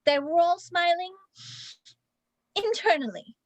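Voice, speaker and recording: A woman's voice: extremely high pitch, lively intonation, slow pace, heavily acted, poor audio. A woman reading the part of a prim, indignant member of a village drama group. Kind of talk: amateur play reading. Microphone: video call.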